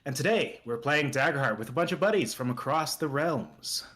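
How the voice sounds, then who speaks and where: A man's voice: fairly high pitch, normal speed. A man hosting a tabletop game as game master, chatting casually and loosely with fillers. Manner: relaxed, rambling, with fillers.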